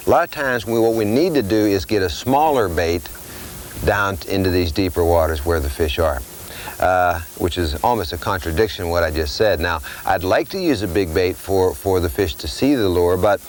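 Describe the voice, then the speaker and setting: An older man with a fairly low voice gives a hands-on fishing tutorial. He explains plainly and step by step as he ties his rigs. A faint noise sits behind his voice. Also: low-quality recording. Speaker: fishing instructor.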